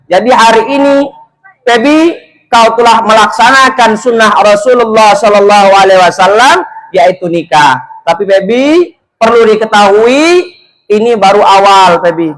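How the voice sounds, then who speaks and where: A man's voice: high voice, moderate pace, fairly bright tone, rough recording. A man giving a humorous wedding sermon, chatty and speaking straight to the couple. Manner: jokey, chatty, addresses the couple directly. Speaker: preacher at a wedding.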